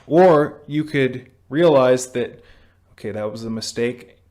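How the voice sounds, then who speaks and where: A man's voice: medium pitch, slow pace, a little mellow. A young man speaks into a camera mic in a mid-range voice, lecturing viewers on addiction. He is blunt and preachy, stumbling into restarts and dropping the occasional curse as he pushes his point. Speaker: vlogger on sobriety. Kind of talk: direct-to-camera self-help talk.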